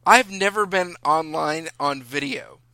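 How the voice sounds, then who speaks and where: A man's voice: fairly high pitch, unhurried, sharp tone, dry recording. A man hosting a casual podcast from a room in his house, chatty and self-deprecating, rambling with restarts. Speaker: podcast host.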